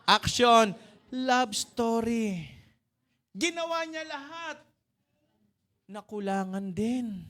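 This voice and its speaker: A man's voice: extremely high pitch, lively intonation, drawn-out words, long pauses, a bit bright. A man preaching a sermon in a church, telling a comic story and teasing members of the congregation by name. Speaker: pastor. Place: church sanctuary.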